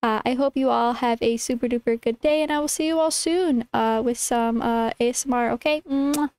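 A woman's voice: fairly high pitch, fairly quick, a little mellow, smooth, no echo. A young woman livestreamer chatting casually to her viewers in a cutesy, informal, affectionate way. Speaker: livestreamer, VTuber.

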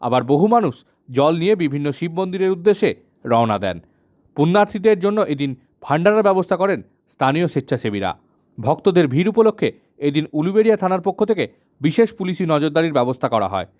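A male news reporter with a West Bengal accent narrates a scripted report. He speaks very quickly in a slightly high voice. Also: sing-song, a little mellow, dull audio.

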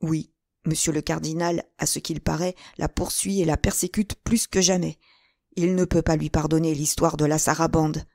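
A woman's voice: deep voice, steady tone, moderate pace, gravelly, darkish tone, dry recording, clean studio sound. A woman reading aloud and voicing a nervous middle-aged male shopkeeper and landlord, hesitant and fussy. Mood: confiding.

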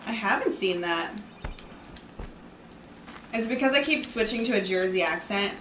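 A woman's voice: mid-range voice, expressive, normal speed, a bit bright. A woman streamer joking and swearing as she plays a video game on a livestream. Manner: profane, playful, joking. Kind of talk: casual gameplay commentary. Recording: echoey, distant, noisy.

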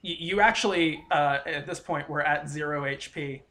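A man's voice: fairly high pitch, moderate pace, bright, forceful tone. A man running a tabletop game as game master, narrating with many hesitant fillers.

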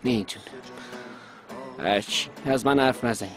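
A man's voice: mid-range voice, fairly bright tone, soft background music, close to an everyday voice. A man playing a brooding young boxer. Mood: irritable. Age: young adult. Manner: curt and irritable. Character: hot-tempered young male boxer, brooding. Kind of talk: dubbed TV drama dialogue.

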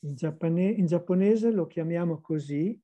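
A woman's voice: fairly low pitch, measured pace, mellow. A woman interpreting a teacher's words into full sentences, with small restarts. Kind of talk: consecutive interpreting into Italian.

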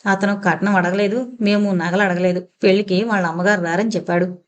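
A woman's voice: medium pitch, fairly even intonation, a little fast, lo-fi sound, lightly acted. A woman voicing a proud, blunt middle-aged mother in an audio novel. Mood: polite.

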